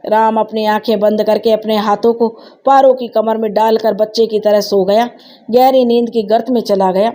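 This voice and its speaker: Female storyteller, slow emotive scripted narration, fairly high, mellow and dark tone. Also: steady tone.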